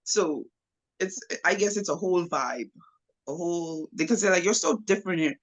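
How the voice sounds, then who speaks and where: A young woman from the Bahamas, a spiritualist guest, telling her story in a casual interview with fillers and lively asides. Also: lowish voice, moderate pace.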